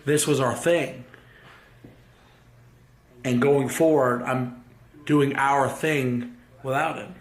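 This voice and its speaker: A young man speaking on his vlog in a halting, emotional way, fighting back tears. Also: mid-range voice, steady tone, a little hiss or hum. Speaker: vlogger. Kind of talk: grieving personal vlog. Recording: roomy echo with faint ambience.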